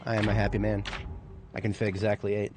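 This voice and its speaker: A man's voice: lowish voice, completely flat delivery, fast talker, a little mellow, a little hiss or hum. A man giving casual, rambling commentary on a game as a streamer, with playful, self-mocking remarks. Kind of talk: casual let's-play commentary.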